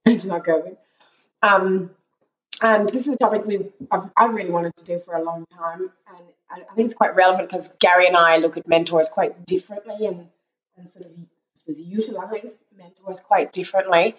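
A middle-aged woman with a croaky voice from a cold, hosting a casual podcast chat with lots of fillers and restarts. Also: fairly low pitch, fairly even intonation, normal speed, distant mic, muffled recording. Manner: chatty, many fillers and restarts. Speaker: podcast host. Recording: echoey room.

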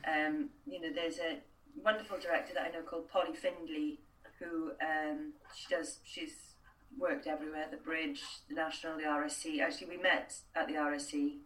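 The woman is a voice and accent coach and a Welsh speaker, giving chatty interview answers riddled with restarts and fillers. Her deep, slightly bright voice moves little in pitch and keeps a normal speed, and the audio is distant and roomy.

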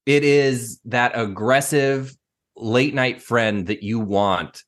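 A man who is a guest in a casual interview, telling stories with quick wit. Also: medium pitch. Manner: animated, witty storytelling. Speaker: guest, tour business owner.

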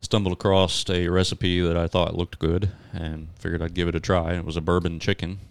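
A man's voice: deep voice, level tone, fairly quick, vocal fry, no room sound. A man hosting a podcast in easygoing casual chat, laughing often. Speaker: podcast host.

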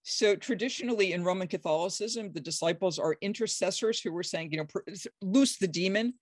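A biblical scholar, middle-aged or older, talking with enthusiasm and emphasis and breaking into high, acted quotes. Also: brisk, no room sound, studio quality. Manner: acts out quoted speech with sudden high pitch jumps; emphatic, enthusiastic, frequent restarts. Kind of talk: animated explanatory conversation.

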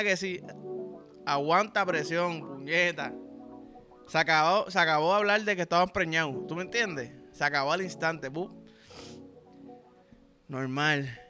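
High bright Puerto Rican man, crude. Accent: Puerto Rican Spanish. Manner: crude, profane, rambling, slangy. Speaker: podcast host. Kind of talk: casual comedic storytelling.

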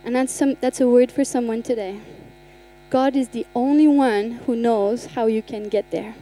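A young adult woman pastor telling a personal testimony in a sermon, acting out the conversations with animated storytelling. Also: fairly high pitch, moderate pace, slight background noise, rough recording. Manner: animated storytelling, acts out dialogue. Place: church.

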